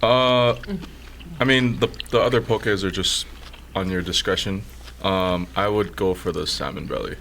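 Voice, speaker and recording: A man, a podcast guest calmly recommending dishes in a casual chat. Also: low-pitched, vocal fry, a little hiss or hum. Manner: relaxed, unhurried explaining.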